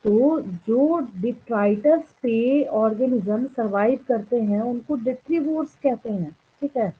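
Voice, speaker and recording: A woman biology teacher giving a classroom lecture, dictating notes slowly word by word and often checking that students follow. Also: fairly high pitch, breathy edge. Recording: tinny phone-like sound.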